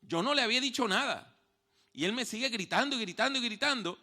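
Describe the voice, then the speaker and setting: A male pastor delivers a sermon in a high, piercingly bright voice. He moves between soft, hushed moments and loud, raised passages. He slows down to repeat his main points with weight. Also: expressive. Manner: storytelling preacher, swings from hushed to loud; repeats key phrases slowly for emphasis. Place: church.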